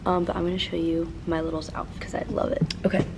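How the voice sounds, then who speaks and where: A woman's voice: fairly low pitch, level tone, fast talker. A young adult woman chatting casually for a vlog in a bubbly, gushing sorority-girl manner, sprinkling in "like" often. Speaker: vlogger, college sorority member. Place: indoors, dorm bedroom and large empty hall. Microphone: camera at arm's length. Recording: noisy room ambience.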